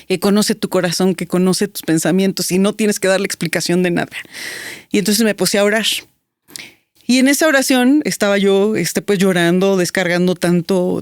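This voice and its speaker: A woman's voice: lowish voice, dry recording. Lady in her 40s telling her story, lots of "este", dry close mic. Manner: reflective, many "este" fillers and restarts. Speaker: guest, business strategist. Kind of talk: personal storytelling in an interview.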